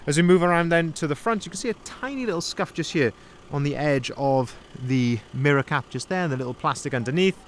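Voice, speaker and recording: A young man who manages van sales gives an upbeat walkaround review outdoors on a dealership lot, filming first-person on a handheld phone. His fairly high voice moves briskly with lively intonation and few pauses, cheerfully pointing out the van's features and flaws over slight background noise.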